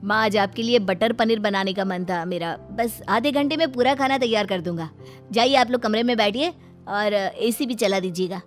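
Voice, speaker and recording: A woman voicing a soft-spoken young husband who gives in to his wife, in a family drama story. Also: medium pitch, moderate pace, soft background music, close to an everyday voice. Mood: mild.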